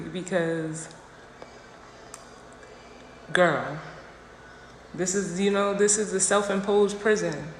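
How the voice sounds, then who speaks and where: A woman gives a casual tarot reading over a phone livestream, speaking directly to her listener. She is emphatic and slangy and keeps repeating key phrases. Her voice rings in an echoey room with a long tail of reverb and a faint hiss underneath. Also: mid-range voice. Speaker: tarot reader.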